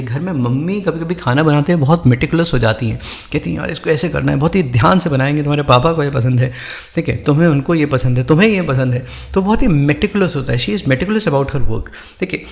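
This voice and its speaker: Encouraging male vocabulary teacher, echoey room. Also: a little high. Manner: speaks Hindi mixed with English, reads English examples slowly; frequent "ठीक है" check-ins, encouraging. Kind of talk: casual explanatory lesson.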